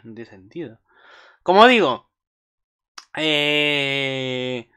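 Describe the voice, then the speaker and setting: A man's voice: medium pitch, sharp tone, clear, resonant tone. Swearing man recapping an anime. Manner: rambling, swears freely, with asides to viewers. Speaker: anime channel host. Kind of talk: casual anime episode recap.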